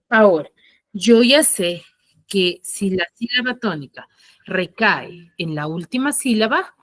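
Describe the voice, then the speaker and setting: A woman teaching an online class asks her students question after question, explaining slowly and with emphasis in a medium-pitched voice. The recording is dry.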